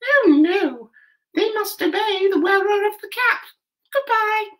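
A woman voicing a tiny, kindly female mouse queen with a squeaky, very high voice. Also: lively intonation, a little slow. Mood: kindly, helpful.

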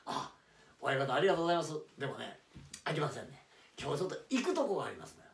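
A man voicing an excitable Kansai-dialect laborer who is a devoted fan, loud and lively. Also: mid-range voice, racing. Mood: eager. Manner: loud, excitable, shouting at times. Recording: roomy, distant mic.

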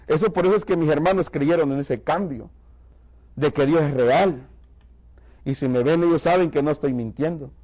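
A man's voice: on the high side, darkish tone, low-quality recording. A man from Mexico preaching to a church congregation, giving an emphatic testimony and calling the listeners brother. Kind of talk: sermon testimony.

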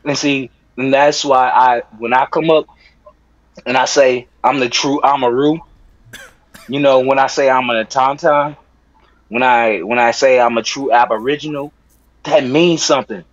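A man's voice: mid-range voice, steady tone, moderate pace, no echo. A man on a livestream panel, talking in a preachy, repetitive way with plenty of swearing. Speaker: panel guest. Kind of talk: casual debate talk. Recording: dull lo-fi call audio.

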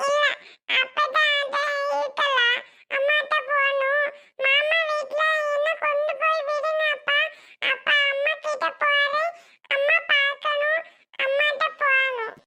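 A voice actor doing a very high, whiny little girl. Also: little pitch movement, measured pace, bright, forceful tone, full character voice. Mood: pleading. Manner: whiny, insistent pleading. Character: little girl pleading to go to her mother.

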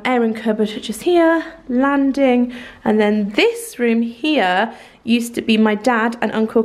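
A woman in her thirties from England, with a fairly high pitch, vlogs a casual tour of a bare, empty house. She films handheld at arm's length and chats fondly, using lots of ums and likes.

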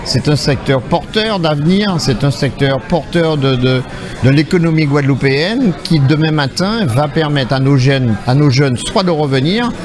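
A man's voice: on the high side, lively intonation, moderate pace. A man speaking assertively in a press interview, repeating key phrases. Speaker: business union representative. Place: indoor event room. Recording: music underneath.

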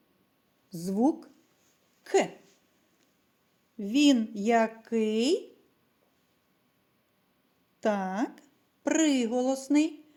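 A woman's voice: fairly high pitch, darkish tone. A woman teaching a children's lesson, speaking patiently and addressing the little ones directly. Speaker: primary school teacher.

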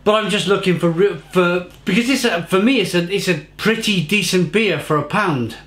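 Gesturing with his hands and often repeating himself, a chatty man reviews a beer at home in his kitchen. His high-pitched, slightly bright voice moves at a moderate pace, picked up in an echoey room by a fixed camera at his desk.

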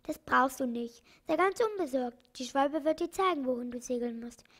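A woman reading an audiobook, voicing a cheerful, reassuring crocodile in a lively storybook manner. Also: high-pitched, moderate pace.

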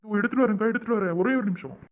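A man with a high voice acts out the parts of a comic cartoon, growling his threats one moment and pleading softly the next. The sound is thin and tinny, like a voice down a phone line. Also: racing. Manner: switches between gruff threats and soft pleading. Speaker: voice actor for a village comedy cartoon.

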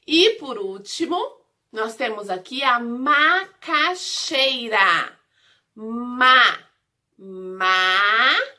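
Lady teaching little kids, bright lively voice, drags out syllables real slow. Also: fairly high pitch. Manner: slow, sing-song, stretching syllables and repeating words. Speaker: preschool teacher. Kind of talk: recorded lesson for young children.

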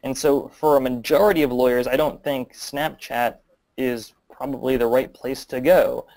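A man's voice: mid-range voice, steady tone, moderate pace, darkish tone, low-quality recording. A man answering audience questions in a webinar, talking loosely with many fillers and restarts. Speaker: guest marketing expert.

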